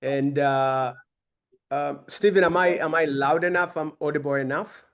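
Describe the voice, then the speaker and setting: A man's voice: a little high, fairly even intonation, moderate pace, a bit bright. A man in his fifties from Uganda, giving a conversational, self-deprecating personal talk to young people as a guest speaker. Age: 50s.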